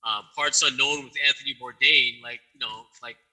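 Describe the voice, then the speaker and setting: A man's voice: medium pitch, fairly even intonation, normal speed, pushed and bright, poor audio. A man in casual podcast chat, profane and slangy, laughing often. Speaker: podcast co-host.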